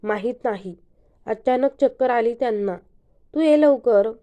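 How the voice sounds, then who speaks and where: A woman's voice: on the high side, unhurried, narrow, tinny audio, close to an everyday voice. A woman doing an anxious, scheming young woman. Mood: urgent.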